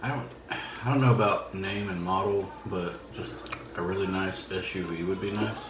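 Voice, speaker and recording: Low-voiced man chatting, echoey noisy room. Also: steady tone, moderate pace. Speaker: host's husband, co-answering questions. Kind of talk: casual chat. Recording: roomy echo, clear background noise.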